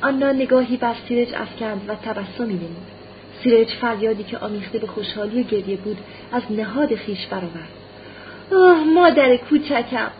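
A woman narrating a classic novel as an audiobook in a measured storytelling manner. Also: mid-range voice, muffled recording, a little hiss or hum.

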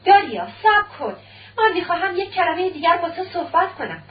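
A woman's voice: very high voice, big pitch swings, voice pushed up. Woman reading a weak, pleading guilty husband. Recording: dull, distant old recording.

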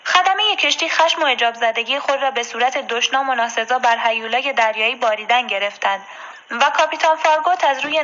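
A woman reading an adventure story aloud in a steady, measured way. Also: high-pitched. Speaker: audiobook reader. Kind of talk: scripted storybook narration. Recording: dull lo-fi recording.

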